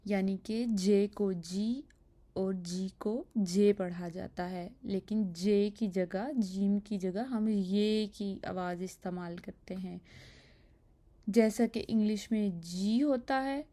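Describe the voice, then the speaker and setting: Slow-talking lady teacher going through pronunciation, soft mellow tone. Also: mid-range voice, steady tone. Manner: patient, step-by-step explaining. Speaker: language teacher. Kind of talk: explaining a language lesson.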